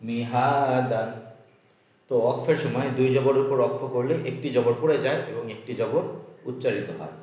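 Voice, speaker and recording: A man teaching the rules for pausing in Quran recitation, patiently repeating each rule, asking and answering his own questions, and chanting the examples slowly. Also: mid-range voice, mellow. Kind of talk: step-by-step lesson with slow chanted examples. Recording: very echoey room.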